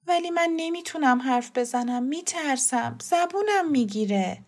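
A woman voicing a shy young boy who speaks quietly and hesitantly, with a stammer. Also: sits high, lively intonation. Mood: timid.

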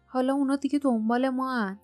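A woman's voice: high voice, fairly even intonation, a little mellow, no echo, voice pushed up, close to an everyday voice. A woman reading as a nervous young man. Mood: uneasy. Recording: dry close mic, faint music underneath.

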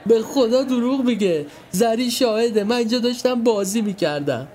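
A man voicing a bratty young boy who whines and taunts in a shrill voice. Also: animated, darkish tone. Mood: fake crying. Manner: shrill, tearful whining.

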